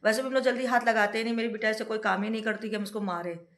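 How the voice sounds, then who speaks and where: A woman's voice: on the high side, fairly even intonation, very fast, a bit bright. A woman, a mother, talking casually to camera at home in a chatty way, and sometimes scolding her kids. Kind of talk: casual home vlog narration. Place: indoors at home. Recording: echoey room with faint noise.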